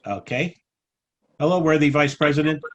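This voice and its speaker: On a headset over a video call from a small room at home, a middle-aged American man chairs an informal club meeting with playful mock formality. His voice is a little high and fairly quick, and the recording sounds muffled. Noisy call audio adds clicks throughout.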